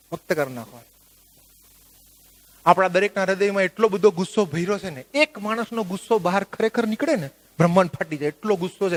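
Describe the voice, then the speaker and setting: A man leading a workshop, lecturing a live audience in an animated, joking way and putting questions to the listeners. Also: high voice. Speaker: workshop trainer. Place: workshop at a religious venue.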